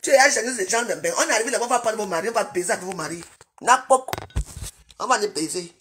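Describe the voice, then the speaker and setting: A woman, livestreaming from her bedroom on a phone and scolding her viewers, swinging between loud outbursts and low mutters. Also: expressive, fast, slight background noise. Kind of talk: live video rant at viewers.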